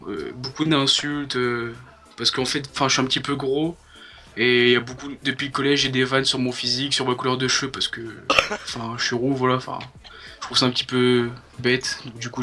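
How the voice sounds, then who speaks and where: A man playing a troubled, bullied gang member on a prank phone call, talking in a halting, rambling way. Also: medium pitch, pushed and bright, slight background noise, natural voice. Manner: speaking over the phone. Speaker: prank caller.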